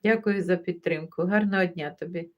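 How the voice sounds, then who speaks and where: A woman's voice: lowish voice, fairly quick. Chatty woman streamer, muffled lo-fi sound. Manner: chatty, warmly greets viewers by name one after another; easygoing, laughs as she talks. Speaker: livestream host. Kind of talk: casual chat, reading viewer comments aloud.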